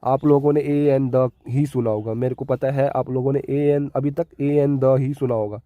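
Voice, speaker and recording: Here a Hindi-accented man with a mid-range voice and steady tone explains English grammar at a moderate pace, going step by step. He often checks with his audience using "ठीक है" and repeats important words. The sound is phone-quality with no room sound.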